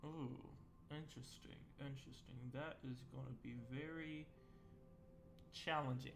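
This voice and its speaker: A man's voice: medium pitch, fairly even intonation, a little slow, vocal fry, slight background noise. A man voicing a kindly male farmer who hosts travellers, asking concerned questions and correcting himself as he goes. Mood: concerned, curious. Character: friendly male farmer host, curious and helpful.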